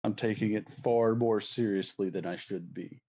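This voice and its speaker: Low flat-voiced player man, dull mic. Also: moderate pace. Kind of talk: tabletop role-play.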